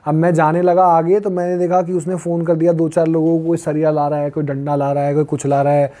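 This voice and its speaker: Mellow-voiced young man telling a story. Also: on the high side, brisk. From Uttar Pradesh, India. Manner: lively retelling that acts out quoted dialogue. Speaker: podcast guest, long-distance pilgrim walker. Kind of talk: casual storytelling in conversation.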